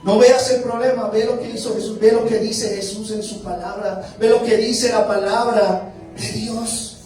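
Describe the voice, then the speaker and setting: A male pastor with a Colombian accent preaching a lively sermon, rising to loud exclamations and slowing down for emphasis. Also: high voice, recorded from a distance. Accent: Colombian Spanish. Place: church hall. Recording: echoey church hall, mic from afar, music underneath.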